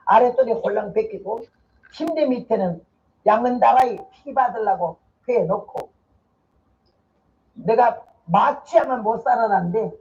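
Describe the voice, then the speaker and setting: A woman's voice: on the high side, warm tone, muffled recording. An older woman preacher delivering a sermon, telling a personal testimony vividly and dramatically.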